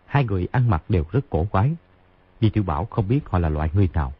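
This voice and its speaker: A man narrating a martial-arts novel in an expressive, brisk storytelling way. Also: deep voice, husky. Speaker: audiobook narrator. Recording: tinny phone-like sound.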